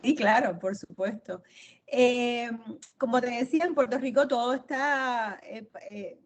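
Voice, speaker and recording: Answering interview questions as an author, a middle-aged Cuban woman explains things at length and repeats phrases for emphasis. Her voice sits on the high side and moves a little slowly.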